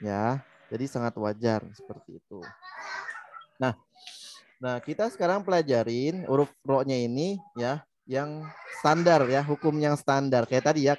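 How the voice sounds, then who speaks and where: In an online tajwid lesson, a man with an Indonesian accent teaches Quran recitation, explaining patiently and modeling the sounds. His voice is medium-pitched with a darkish tone.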